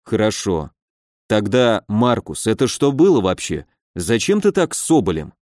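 A man voicing a cautious young nobleman in an audiobook, asking measured questions. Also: fairly low pitch, very animated, darkish tone, dry recording, studio quality. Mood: questioning. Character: cautious young male boyar's son, questioning.

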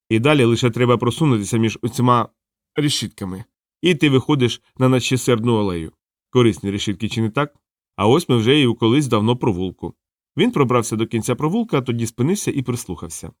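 A man reading a novel aloud in a lively, conversational storytelling manner. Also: medium pitch, fast talker, no room sound, clean studio sound. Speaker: audiobook narrator. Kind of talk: storytelling narration.

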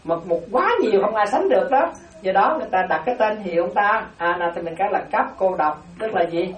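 A woman delivering a Buddhist dharma talk with a lively, rising and falling voice, keeping her listeners close with frequent check-ins. She is recorded from some distance, with a roomy echo around her. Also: medium pitch. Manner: keeps asking the audience if they follow; animated, repeats terms slowly. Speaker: Buddhist nun teaching.

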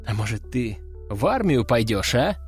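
A man's voice: mid-range voice, big pitch swings, normal speed, faint music behind, close to an everyday voice. A man voicing a weary, reproachful middle-aged mother.

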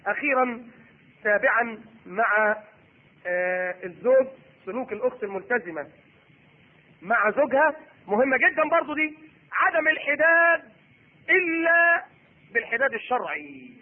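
A middle-aged man preaching a sermon in an Egyptian Arabic accent. He is animated and acts out the voices of husband and wife. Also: extremely high pitch. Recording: husky voice on tinny phone-like recording.

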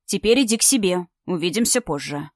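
A woman's voice: fairly low pitch, lively intonation, a little fast, dry recording, studio quality. A woman voicing a stern middle-aged father who gives curt, clipped orders.

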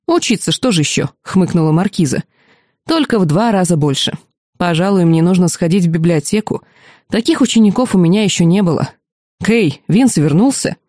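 A quick-witted marquise mentor, eager about magic and snarky toward others, voiced by a woman reading an audiobook. Her tone is mellow and dark, and the recording is dry and close. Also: on the low side, lively intonation, no echo. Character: sly, enthusiastic woman mentor, a marquise mage.

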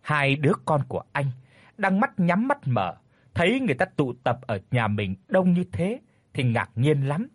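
Male horror narrator: husky, animated delivery, dry close sound. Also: on the high side, normal speed, no echo. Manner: expressive, dramatic storytelling. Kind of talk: scripted horror story narration.

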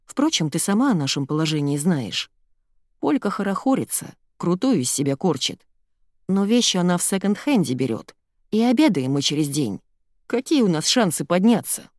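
A woman's voice: fairly low pitch, big pitch swings, moderate pace, a little mellow, no echo, studio quality. A woman reading the part of a weak-willed young man mumbling excuses to his girlfriend. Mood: sheepish. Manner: mumbling, sheepish, excuse-making.

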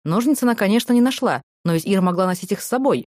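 A woman narrating a novel as an audiobook in a brisk, even storytelling manner. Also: mid-range voice, no echo, clean studio sound. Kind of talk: scripted narration.

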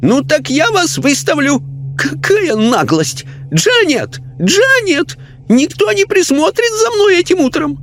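A man voicing a frightened, bossy elderly lady spirit who talks in a shrill, panicky, scolding way. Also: big pitch swings, slow pace, a bit bright, slight background noise, full character voice. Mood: imperious.

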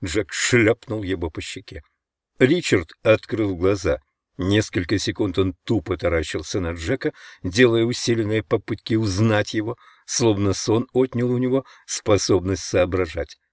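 A man narrates an audiobook in a measured, dramatic reading. His voice sits low. The recording is dry and close, with no room sound. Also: no echo. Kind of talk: scripted narration.

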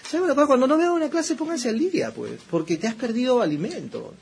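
Very high-pitched and animated, this man's gravelly, slightly mellow voice comes with a bit of background noise. As a pastor giving a conversational sermon, he chats, repeats himself and keeps asking rhetorical questions, often with a "¿no?" tacked on. He prays fervently, slowly and with emphasis.

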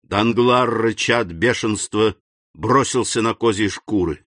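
A man reading a novel aloud, expressive storytelling narration. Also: lowish voice, a little slow, no room sound. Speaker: audiobook reader. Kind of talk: scripted narration.

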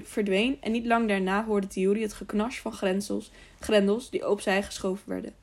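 A woman reading an audiobook aloud in an even storytelling manner. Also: mid-range voice, a little hiss or hum. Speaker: audiobook narrator. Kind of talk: scripted narration.

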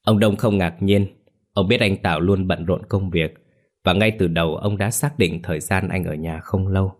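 A man giving steady scripted story narration. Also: sits low, normal speed.

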